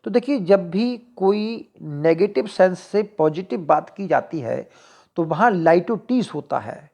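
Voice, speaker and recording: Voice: medium pitch, expressive, measured pace, vocal fry, dark tone. A teacher giving an exam-prep lecture, reading each question and its options aloud and then explaining the answer in Hindi with English literary terms mixed in.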